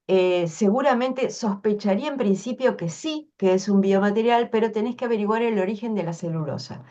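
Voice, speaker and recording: A woman's voice: medium pitch, a little fast, dark tone, highs cut off. A woman, answering workshop questions on a video call in a frank, explanatory way. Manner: frank, explanatory, thinks aloud with restarts. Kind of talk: casual online Q&A.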